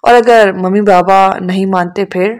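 A woman's voice: mid-range voice, steady tone, natural voice. A woman reading the lines of a casual, teasing young man in a storybook, in a dry, offhand manner. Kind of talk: audiobook dialogue reading.

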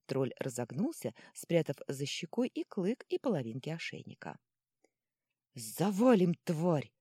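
A woman narrating a fantasy novel in a lively, expressive reading. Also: low voice, moderate pace, breathy edge, no room sound, clean studio sound. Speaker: audiobook narrator.

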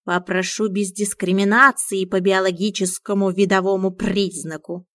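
Brief: a mocking talking tomcat read by a woman, slow lofty drawl, dry audiobook sound. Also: medium pitch, a bit bright, no echo, natural voice. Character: talking male cat, sardonic and dignified.

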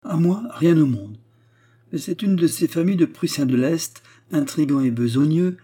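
A man's voice: on the high side, lively intonation, normal speed, warm tone, voice pushed up. A man voicing a spirited young independent woman in an audiobook, impulsive and earnest. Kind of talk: audiobook character reading.

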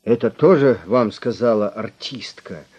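A man voicing a sullen male crime boss who turns panicky and shrill, on a slightly muffled recording. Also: animated, normal speed, darkish tone, natural voice. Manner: sullen, then panicky and shrieking.

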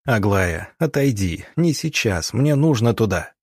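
A male narrator plays a weary young country doctor, firm and curt. His low, husky voice stays dry and close, as in a storybook audiobook. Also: sing-song, a little slow, a little mellow, dry recording, full character voice.

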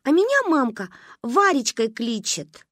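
A woman voicing a calm, prim little village girl who talks in a slow, drawling folksy way. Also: high-pitched, no room sound, studio quality, pitched above the performer's own voice, exaggerated voice.

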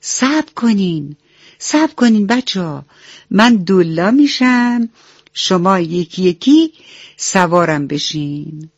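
A woman's voice: lowish voice, expressive, vocal fry, no echo. A woman voicing a young male duckling, an eager and dutiful big brother who talks to the little ones earnestly and soothingly. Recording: dull lo-fi radio recording with soft music.

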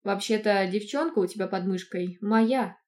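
A woman's voice: mid-range voice, normal speed, darkish tone, close to an everyday voice. A woman reading an audiobook, voicing a possessive young cat-shifter man who speaks in a displeased, insistent tone.

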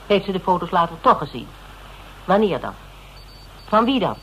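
In a noisy old Dutch radio drama recording, an actor with a slightly high male voice plays a persistent, polite private detective questioning a suspect. He speaks methodically, in a measured, explanatory and quietly probing way.

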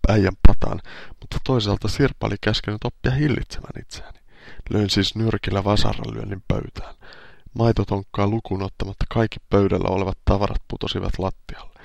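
Gravelly-voiced man, deadpan storyteller. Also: lowish voice, no room sound. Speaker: podcast host. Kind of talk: reading a humorous first-person column.

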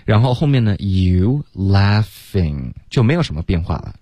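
A man co-hosting a relaxed radio English lesson, chatting, laughing and modelling English phrases slowly. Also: deep voice. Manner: relaxed, laughs often, switches into English examples. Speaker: English teacher.

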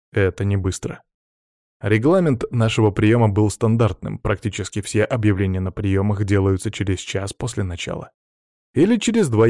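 A man narrating an audiobook in a measured, even way. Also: fairly low pitch, no room sound, clean studio sound. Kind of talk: audiobook reading.

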